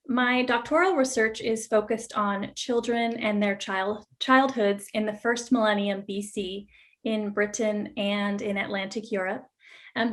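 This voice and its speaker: A young woman from southern Oregon, a doctoral student in archaeology, giving a steady, prepared talk. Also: mid-range voice. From Southern Oregon, USA.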